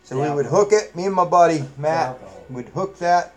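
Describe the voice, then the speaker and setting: A man's voice: fairly high pitch, normal speed. A middle-aged man with a New England accent, hosting a live chat and telling rambling, salty, folksy stories full of fillers. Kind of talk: casual storytelling chat.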